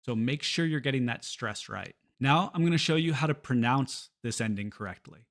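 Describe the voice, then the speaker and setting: Man, pronunciation teacher, scripted lesson, mid pitch, slow clear repetitions, moves between Spanish and English. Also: expressive, a bit bright. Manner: clear, deliberate, repeats example words slowly.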